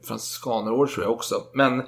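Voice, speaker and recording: A man's voice: mid-range voice, fairly even intonation, vocal fry, a bit bright, a little hiss or hum. A man retelling history in casual chat, swearing freely and acting out the people in his story.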